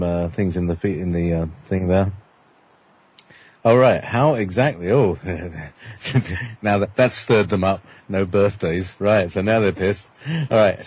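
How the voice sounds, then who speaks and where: A man's voice: deep voice, a little mellow, slightly rough. A man hosting an informal radio chat, joking and rambling with many restarts. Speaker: radio show host.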